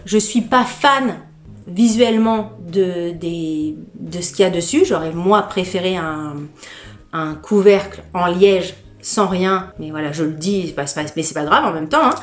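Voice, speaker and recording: In an echoey room with soft music in the background, a woman with a fairly low voice talks through an unboxing at a measured pace. This lifestyle vlogger gushes openly and frequently stumbles by repeating words.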